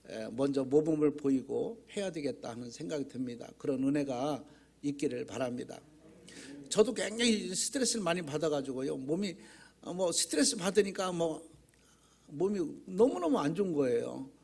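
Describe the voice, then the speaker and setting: A man's voice: fairly high pitch, lively intonation, normal speed, vocal fry, a little mellow, slightly rough. A man preaching a sermon as pastor, talking in a conversational, folksy way, telling humorous stories and putting rhetorical questions to the congregation in a church. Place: church sanctuary.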